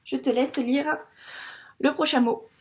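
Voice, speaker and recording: Speaking in a high, steady voice with a darkish tone, a first-grade teacher from France leads a slow phonics lesson for a young child. She patiently breaks each word into long, drawn-out syllables.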